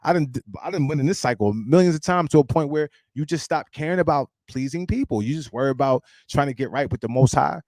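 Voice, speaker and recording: A man in his thirties talks straight to his live-stream audience with a gravelly, fry-laden voice, recorded close and dry. He is blunt and emphatic and swears freely, like a preacher of street-level life advice. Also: on the high side, quick pace, hardly any pauses, darkish tone, dry recording. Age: 30s.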